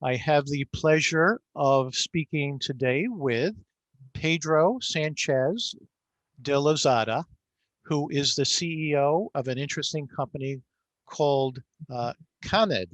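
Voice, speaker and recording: A man hosting a technology review interview, asking questions in a halting way with repeated "uh"s. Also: on the high side, dry recording.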